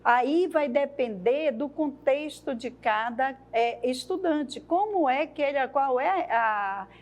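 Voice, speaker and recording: A woman's voice: high voice, animated, slow. A woman training teachers, explaining lesson activities at a thoughtful pace and often adding tag questions.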